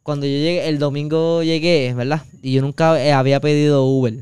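Fast and brisk, a Puerto Rican man co-hosting a podcast rambles through a long casual story loaded with fillers and crude slang, in Puerto Rican-accented Spanish. His pitch is fairly high, his tone level, darkish and clean, with no echo.

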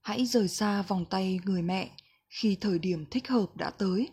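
A woman reading a reflective book passage aloud in a slow, gentle, measured way. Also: mid-range voice, husky. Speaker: book reader.

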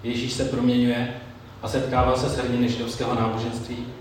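Male preacher, measured sermon delivery, distant mic in a booming hall with a little ambience. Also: monotone, slight background noise. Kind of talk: sermon with Bible reading. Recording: very echoey room, mic far off, faint ambience.

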